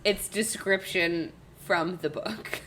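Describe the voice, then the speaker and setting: A woman co-hosting a casual book podcast, chatty and expressive, who often finishes her partner's sentences. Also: on the low side, slow pace. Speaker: podcast co-host.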